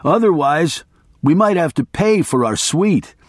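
A man voicing a reckless, wired male journalist who makes loud, brash declarations, in an audiobook reading. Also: fairly high pitch, expressive, unhurried, no echo, pitched above the performer's own voice.

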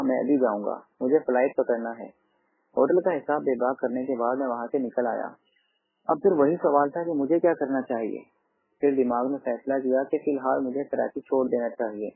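A man reading a first-person novel aloud in a measured, steady way. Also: mid-range voice, gravelly, breathy edge, no echo. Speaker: audiobook narrator. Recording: tinny phone-like dry sound.

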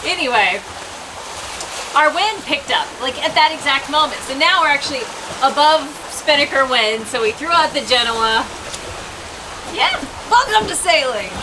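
A woman in her thirties chatting in a relaxed way while sailing a boat. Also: sits high, normal speed, noisy background. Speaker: sailing vlogger. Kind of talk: casual chat. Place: outdoors on a sailboat at sea.

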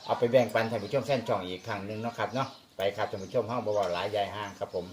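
A man's voice: on the low side, steady tone, darkish tone, slight background noise. A man with an Isan accent hosting a vlog and speaking directly to the viewers. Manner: brisk, addresses viewers. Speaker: host. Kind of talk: casual vlog presenting. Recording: voice with a crowd behind. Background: crowd.

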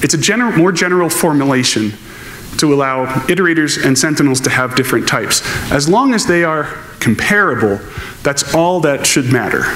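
A man's voice: on the high side, expressive, fairly quick, a bit bright. A man giving a technical conference keynote on stage, answering audience questions in a thoughtful, explaining manner. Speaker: conference speaker. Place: large lecture hall, on stage. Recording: echoey lecture hall with faint noise.

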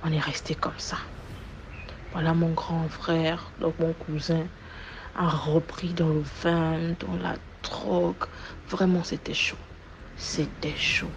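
Low, creaky-voiced woman telling her story. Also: slow pace. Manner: animated retelling with sudden loud rises and repeated words. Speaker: guest giving a personal testimony. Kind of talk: personal testimony storytelling. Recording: muffled recording with faint background noise.

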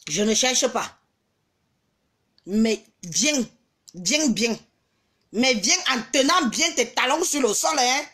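High-voiced woman ranting slowly. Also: lively intonation. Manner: taunting, mocking, bursts of shouting and scornful laughter. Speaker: vlogger. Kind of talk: angry social media rant.

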